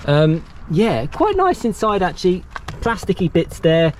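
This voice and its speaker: A man's voice: sits high, wildly swooping pitch, a little slow, a little mellow, a little hiss or hum. Chatty young man talking cars. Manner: chatty, loose, laughs between lines. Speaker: car reviewer. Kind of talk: casual walkaround car review. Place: outdoors beside cars.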